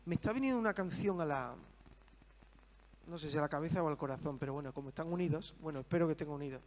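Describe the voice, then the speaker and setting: A man's voice: a little high, quick pace, a little mellow. A man preaching a sermon, earnest and full of rhetorical questions.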